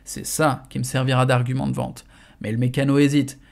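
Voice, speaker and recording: A man's voice: medium pitch, flat delivery, brisk, gravelly. A man reading a novel aloud in the first person, in a casual, slangy storytelling manner. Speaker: audiobook reader.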